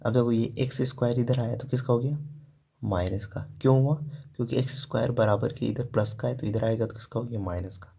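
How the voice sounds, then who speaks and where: A man's voice: medium pitch, fairly even intonation, fairly quick, gravelly, mellow, husky. A man teaching a math lesson step by step, asking questions and answering them himself, with frequent "ठीक है" and "देखो".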